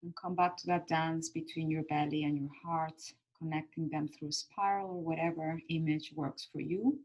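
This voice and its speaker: A woman leading a calm grounding meditation as a guide, speaking gently and soothingly in short phrases with pauses between them. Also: deep voice, highs cut off.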